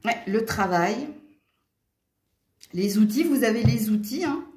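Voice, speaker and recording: A woman's voice: on the high side, lively intonation, measured pace, background noise. Chatty French woman reading cards, roomy sound. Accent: Franche-Comté French. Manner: chatty, exclaims often, many hein tags. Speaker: tarot and astrology reader. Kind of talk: casual card reading for viewers. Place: at home near a window. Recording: roomy echo.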